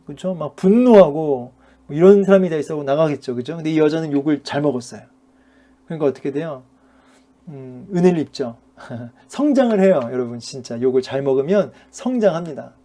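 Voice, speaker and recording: A middle-aged pastor teaches a Bible class in sermon style, his voice a little high, expressive and mellow, moving at a normal pace. He talks conversationally, with plenty of fillers and rhetorical questions aimed at his listeners.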